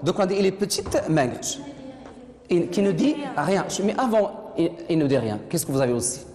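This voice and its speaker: A woman's voice: on the low side, very animated, normal speed, dark tone. A woman teacher leading a French literature lesson in a classroom, patiently repeating her pupils' answers. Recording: echoey classroom, noisy, from a distance.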